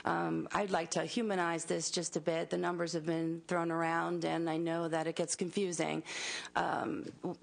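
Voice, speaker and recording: Brief: mother testifying at a public hearing, low voice with gravelly fry, earnest and pleading. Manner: earnest, pleading, with halting restarts.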